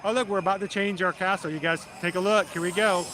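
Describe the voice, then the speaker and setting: A middle-aged man from South Georgia with a deep Southern accent, chatting casually and folksily as he hosts a livestream. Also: fairly even intonation, fast, background noise. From South Georgia, United States. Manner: chatty, folksy, greets viewers by name. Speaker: livestream host. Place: outdoors in a busy theme park.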